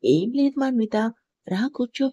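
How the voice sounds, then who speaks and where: A nervous young wife from a storybook reading, timid with a tart edge when she grumbles, as a woman narrator reads her. The voice is mellow and rather high, recorded close and dry. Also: lively intonation, moderate pace, breathy edge, no room sound, highs cut off.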